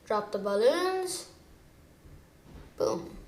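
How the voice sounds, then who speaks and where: A woman giving chatty, excitable commentary while playing a video game, switching between low muttering and sudden exclamations. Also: extremely slow, reverberant. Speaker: gamer. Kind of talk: gameplay commentary.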